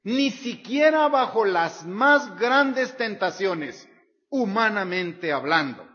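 A man's voice: sits high, lively intonation, takes it slowly, sharp tone. Man preaching in a reverberant hall. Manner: reads scripture aloud and repeats verse references. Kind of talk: sermon. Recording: dull sound with long hall reverb.

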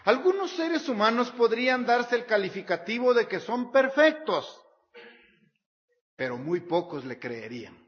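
Preacher, male, high and very animated voice, slow delivery, dull recording with long hall reverb. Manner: reads scripture aloud and repeats verse references. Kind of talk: sermon.

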